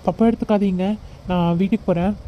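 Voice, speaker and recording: A woman voicing a kind middle-aged man in a cartoon who reports an accident gently and with sympathy. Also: medium pitch, steady tone, quick pace, lo-fi sound, heavy background noise, close to an everyday voice. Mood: concerned.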